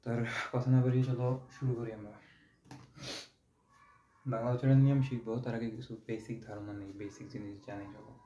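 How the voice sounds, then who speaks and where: Brief: young man, patient lecturing tutor, dark mellow tone, roomy dull recording with faint hiss. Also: lowish voice, flat delivery, fairly quick, pauses often. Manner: patient, repeats and stretches syllables to demonstrate. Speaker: teacher. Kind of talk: online exam-prep lecture.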